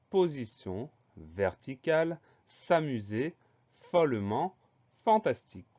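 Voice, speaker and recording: A man teaching a children's spelling lesson, slow and patient, spelling each word letter by letter. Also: medium pitch, darkish tone. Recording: dull lo-fi recording.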